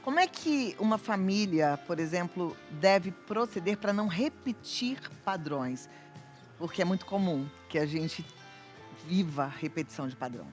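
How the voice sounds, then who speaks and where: A woman's voice: fairly low pitch, expressive, normal speed, darkish tone, faint music behind. A woman with a Brazilian accent hosting a talk show, asking the guest and the audience questions in a chatty way. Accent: Brazilian Portuguese. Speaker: TV show host.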